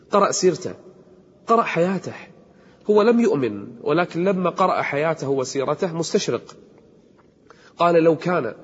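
A man giving an impassioned sermon, slowing down to chant verses. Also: fairly high pitch, husky. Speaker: preacher. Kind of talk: emotional sermon. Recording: echoey hall on a dull cassette tape.

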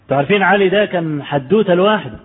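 A man's voice: sits high, rapid-fire, slightly rough, big-room sound, phone-quality sound. A man with an Egyptian Arabic accent preaching a conversational sermon, telling stories and asking his listeners rhetorical questions. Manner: storytelling, rhetorical questions to the audience.

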